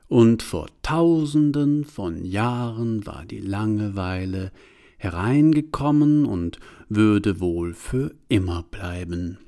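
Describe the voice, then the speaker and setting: A man reading an absurd short story aloud, slow and deadpan. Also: fairly low pitch. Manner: slow, dry reading with drawn-out words.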